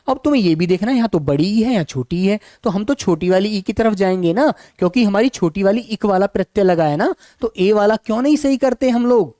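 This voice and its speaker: Male tutor, sore hoarse throat, calm and fond with students, dry close sound. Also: high voice, no echo. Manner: calm, unhurried, affectionate to students. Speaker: teacher. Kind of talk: online exam-prep class.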